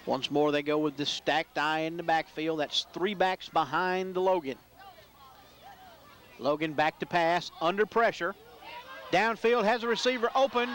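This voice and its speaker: A man calling high school football play-by-play, building up loudly on big plays. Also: a little hiss or hum. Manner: excitable in big plays, rising loud. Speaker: play-by-play announcer.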